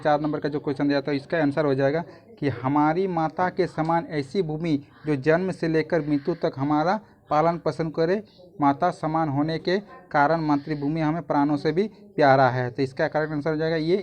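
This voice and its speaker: A man's voice: fairly high pitch, steady tone, fairly quick, darkish tone. A man, a YouTube tutor walking through exam answers in a casual, repetitive way that often restarts phrases.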